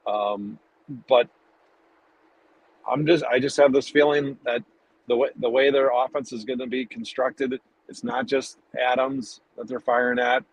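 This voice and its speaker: A man's voice: mid-range voice, fairly even intonation, measured pace, husky, low-quality recording. A man chatting casually about football on a podcast, rambling and interrupting himself, talking into a headset from his car. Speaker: podcast co-host. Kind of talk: casual sports chat.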